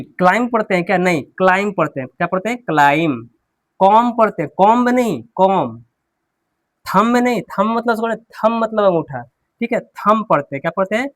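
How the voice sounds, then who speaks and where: A man's voice: high-pitched, no room sound. Man with teaching english class, keeps asking then answering himself, dry close sound. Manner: asks the class questions and answers them himself, repeating key words. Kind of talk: classroom lesson, explaining at a board.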